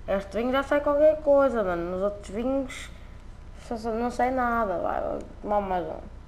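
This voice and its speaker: A very high voice at a moderate pace belongs to a man with a European Portuguese accent. As a gameplay commentator, he fills his casual video game commentary with joking, slangy, repetitive banter.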